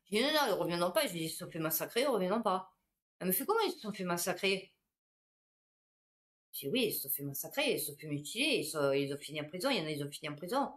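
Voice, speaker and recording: A woman, a supermarket cashier, telling anecdotes in a casual, animated monologue. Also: lowish voice, quick pace.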